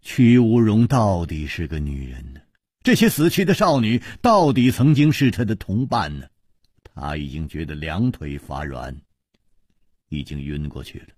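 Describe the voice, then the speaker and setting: Male radio storyteller, husky and deep, very animated delivery. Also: unhurried, no room sound, clean studio sound. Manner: sweeping dramatic swings in pitch and loudness. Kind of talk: dramatic radio novel reading.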